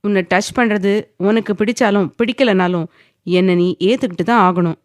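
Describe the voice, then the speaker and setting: A woman's voice: medium pitch, moderate pace, no echo, studio quality, close to an everyday voice. A woman voicing a domineering, possessive young man who speaks firmly and commandingly, sometimes teasing.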